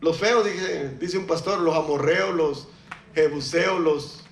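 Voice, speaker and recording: Male preacher, high voice, chatty sermon delivery with questions to the pews, echoey church. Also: slow pace, a little hiss or hum. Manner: conversational, asks the congregation questions, jokes.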